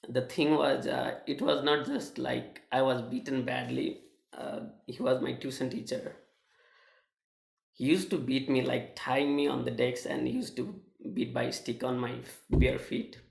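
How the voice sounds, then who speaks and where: Nepali-accented young man, gravelly and flat. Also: mid-range voice, roomy sound. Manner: halting, many fillers and restarts. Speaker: student sharing his experience. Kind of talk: personal testimonial.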